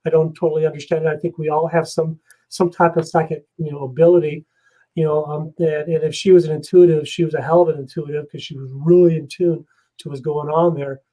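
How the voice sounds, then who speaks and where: A man, a guest investigator, telling a story in a casual, animated way and acting out the scenes. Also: on the high side, brisk, low-quality recording.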